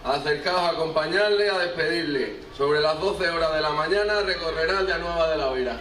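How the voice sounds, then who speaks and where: A man's voice: a little high, a little fast, fairly bright tone, natural voice. A man playing a town crier, calling out a formal proclamation to villagers outdoors. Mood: proclaiming. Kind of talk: public proclamation. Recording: distant, echoey, noisy outdoor crowd recording.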